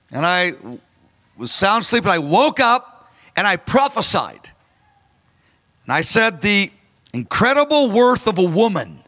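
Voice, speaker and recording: The voice is high and sharp: a pastor in his fifties giving an earnest, emphatic sermon on a large church stage. He uses a handheld microphone, and the sound carries the long reverb of a large hall.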